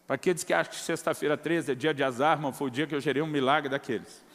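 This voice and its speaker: High-voiced Brazilian pastor preaching. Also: male voice, fairly even intonation, fast, fairly bright tone, in a large hall. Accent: Brazilian Portuguese. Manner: storytelling, acts out quoted dialogue, addresses listeners as brother. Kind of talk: sermon with testimony.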